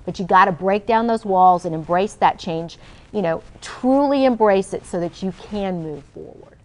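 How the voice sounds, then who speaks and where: A woman on a studio panel show, giving a steady, confident, motivational talk. Her voice sits at a middle pitch and comes through a lapel mic on a studio set. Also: moderate pace. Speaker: panel guest.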